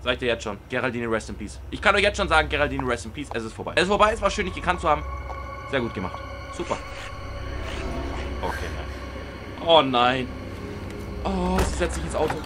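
A man's voice: medium pitch, quick pace. Young guy reacting to horror clips, jokey, fake-scared, voice jumping all over, music behind. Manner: animated, jokey, mock-scared, shouts at the screen. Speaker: YouTuber reacting to horror videos. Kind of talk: reaction commentary. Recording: music in the background.

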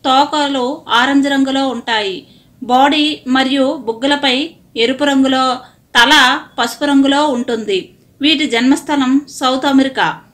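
High-voiced woman reading a plain voice-over. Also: unhurried. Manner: reads short plain statements in a steady list. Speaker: narrator. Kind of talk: informational voice-over.

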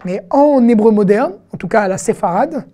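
A Hebrew teacher gives an online language lesson in a warm, mid-range voice with lively intonation. She patiently sounds out syllables, repeats sounds slowly, and checks in with her students.

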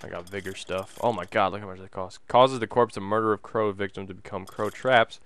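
A man's voice: lowish voice, fairly even intonation, a little fast, a bit bright, smooth. Goofy young man narrating his gameplay. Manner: goofy, jokey, mutters menus aloud, bursts into silly voices. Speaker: gameplay commentator. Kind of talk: casual game commentary.

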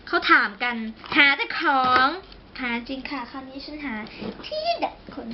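High-voiced chatty woman vlogger. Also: moderate pace. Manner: chatty, exclamatory, self-mocking, talks straight to viewers. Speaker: beauty vlogger. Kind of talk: casual makeup tutorial. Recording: slightly dull recording with faint background noise.

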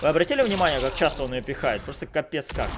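A young man gives live fighting game announcer commentary in a slightly high voice. He throws out short exclamatory calls full of gamer slang. He is close on a home streaming mic, with clear music behind him. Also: animated, fast talker. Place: small room at home, streaming.

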